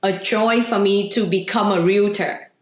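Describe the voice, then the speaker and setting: A woman's voice: mid-range voice, fairly even intonation. Vietnamese-accented woman in an echoey room. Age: 30s. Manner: halting, many "you know" and "like" fillers, laughs easily. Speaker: guest, real estate agent. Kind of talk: casual interview chat.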